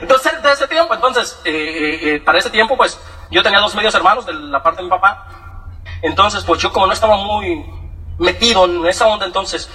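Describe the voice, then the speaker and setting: Man, personal testimony, animated, acts out voices, quick talker, high voice. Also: distant mic, poor audio. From Michoacán, Mexico. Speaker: testimony speaker.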